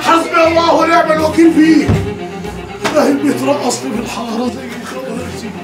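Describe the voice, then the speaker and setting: A raging Egyptian father in a classic film, who yells and calls on God against his son. The voice is high and strained, and it comes at a quick clip. It sounds echoey and distant, under loud film music. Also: level tone, over a noisy crowd. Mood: enraged. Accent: Egyptian Arabic. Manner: shouting, cursing, invoking God. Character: furious pious father disowning his son. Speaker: angry father.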